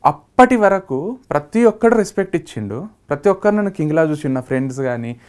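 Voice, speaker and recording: A man with a Telangana Telugu accent tells his own story as a monologue, speaking in a fairly high voice. He is lively and slips into the voices of his family when he quotes them. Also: quick pace, clear, resonant tone. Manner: lively, acts out family members' quoted lines. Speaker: startup founder.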